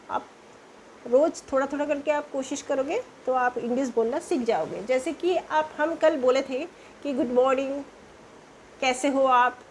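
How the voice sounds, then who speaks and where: A woman's voice: high voice, slight background noise. A woman teaching English pronunciation, spelling words out letter by letter and asking the class questions. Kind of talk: slow spelling-out lesson.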